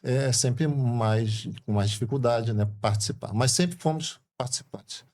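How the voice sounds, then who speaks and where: A middle-aged man from Brazil with a Rio de Janeiro accent, a permanent deacon calmly telling his story in casual conversation, often adding tag questions. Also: mid-range voice, a little slow. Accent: Brazilian Portuguese, Rio de Janeiro.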